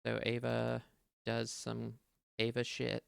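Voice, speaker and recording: A man's voice: mid-range voice, completely flat delivery, takes it slowly, gravelly, smooth, no room sound, clean studio sound. A man running a tabletop game as game master, hesitant and thinking aloud with many fillers.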